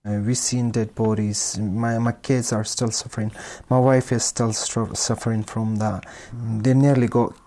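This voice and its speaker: A man gives an unscripted interview. His dark, mellow voice stays very level in pitch. He halts often and repeats words as he goes. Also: level tone, measured pace. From Afghanistan. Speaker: taxi driver being interviewed.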